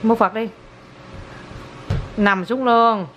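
A woman's voice: fairly high pitch, fairly even intonation, drawn-out words, a bit bright, a little hiss or hum. A woman, casually and playfully coaxing her small child as a mother, often repeating herself. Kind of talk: casual chat with her toddler.

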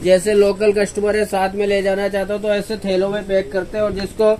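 Shopkeeper, male, high and flat-toned, steady price patter, filmed on a phone in a busy shop with a faint hiss behind. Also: brisk. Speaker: wholesale shopkeeper. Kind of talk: sales pitch. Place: crowded cosmetics shop, indoors.

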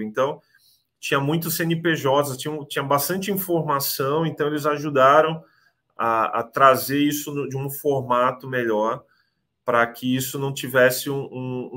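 Brazilian guy in his 30s on a video call, halting, keeps repeating words, ordinary mid voice. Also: mid-range voice, steady tone, bright, forceful tone. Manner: hesitant, repeats words, many "né" tags. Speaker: interviewee, immigration client. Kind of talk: casual interview over video call.

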